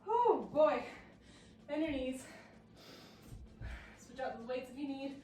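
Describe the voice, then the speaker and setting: A woman's voice: high-pitched, lively intonation, slow, mellow. A woman fitness coach leading a workout while doing it herself, out of breath and encouraging. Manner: encouraging, breathless between exercises. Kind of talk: workout instruction. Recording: roomy sound from a distance.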